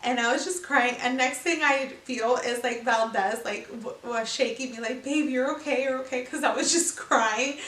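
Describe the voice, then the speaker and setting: A young pregnant woman talks casually to her camera, telling stories in a chatty, animated way. Her voice sits a little high. The sound is roomy and echoey, with the mic set back from her. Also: normal speed, few pauses. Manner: chatty, animated storytelling with laughs. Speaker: vlogger. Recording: echoey room, mic at a distance.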